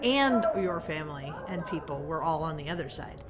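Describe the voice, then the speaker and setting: A woman's voice: deep voice, animated, normal speed, over a noisy crowd. A woman chatting as co-commentator beside her husband, teasing and supportive. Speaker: co-commentator, the boxer's wife. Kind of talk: casual chat.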